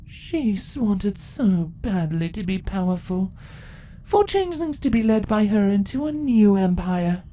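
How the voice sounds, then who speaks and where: A woman voicing an ancient changeling empress in a fantasy story, a calm, condescending and menacing villain who speaks deliberately. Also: lowish voice, slight background noise, voice pushed up.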